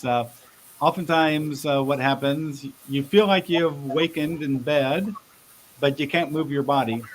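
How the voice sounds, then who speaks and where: Halting male expert with faint hiss. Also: medium pitch, poor audio. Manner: halting, repeats words as he explains. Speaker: interview guest, expert speaker. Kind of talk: casual explanatory interview talk.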